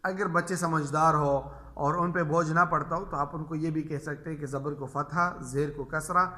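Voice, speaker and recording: A man gives a Quran reading lesson in a slightly high, bright and forceful voice. He drills each point by asking and answering his own questions. The room has a clear echo around him. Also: steady tone. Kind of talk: instructional lesson for teachers and parents. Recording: echoey room.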